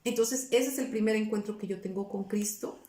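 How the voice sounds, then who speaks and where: A woman's voice: medium pitch, brisk, mellow, reverberant. A woman in her forties, a pastor giving her personal testimony in a casual interview. She talks earnestly and keeps searching for words, with many restarts.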